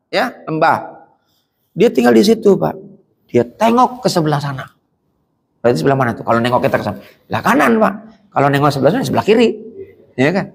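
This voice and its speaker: A male preacher telling a religious story in an animated way, who keeps turning to his listeners directly. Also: high voice, vocal fry, slightly rough. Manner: animated, keeps addressing the audience as "Pak". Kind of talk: Islamic sermon storytelling. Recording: echoey hall reverb.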